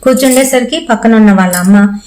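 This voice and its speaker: A woman speaking quickly in a higher, slightly mellow voice tells a ghost story with a Telugu accent, keeping it casual and acting out quoted lines in her own voice as a horror narrator. The audio is poor.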